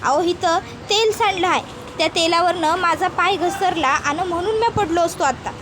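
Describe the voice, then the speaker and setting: A woman's voice: extremely high pitch, moderate pace, background noise. A woman voicing an earnest, simple young daughter-in-law who questions in bewildered rustic dialect. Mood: puzzled.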